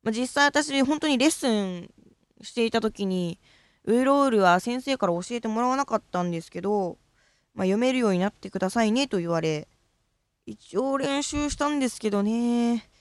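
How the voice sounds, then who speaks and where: A woman's voice: on the high side, lively intonation, moderate pace, dry recording. A young woman from Fukuoka with a Fukuoka accent, hosting a casual solo chat and talking about her tongue-twister practice in a chatty, self-deprecating way. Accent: Fukuoka Japanese. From Fukuoka, Japan. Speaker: host.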